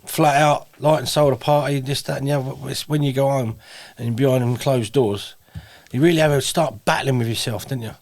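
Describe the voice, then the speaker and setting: A man's voice: mid-range voice, fairly even intonation, fairly quick, hardly any pauses, a little mellow. A man with a southeast English accent hosting an interview, talking earnestly and emphatically and calling his guest "bruv". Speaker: host. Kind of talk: supportive interview chat.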